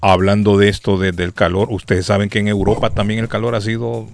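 A man's voice: fairly low pitch, flat delivery, fairly quick, gravelly, dry recording. A man hosting a casual live radio chat show. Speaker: radio host.

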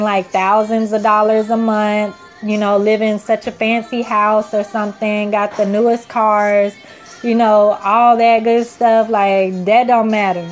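A woman in her twenties hosting a casual self-help podcast, talking in an earnest, encouraging, rambling way full of "you know" and "like". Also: a little high. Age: 20s. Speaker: podcast host.

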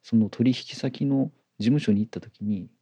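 A man's voice: medium pitch, moderate pace, dark tone, slightly rough, no echo. A man with a Kansai accent that mixes Kyoto and Kobe speech, chatting casually as a co-host and often repeating short agreeing words. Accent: Kansai, mixing Kyoto and Kobe. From Kansai, Japan. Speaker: podcast co-host. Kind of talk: casual chat.

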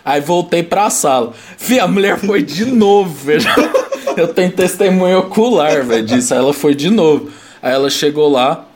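A man's voice: a little high, lively intonation, normal speed, darkish tone. Young man, from Brazil, casual chat, slangy rambling story, slightly raised voice. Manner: laughing storytelling with lots of slang and fillers.

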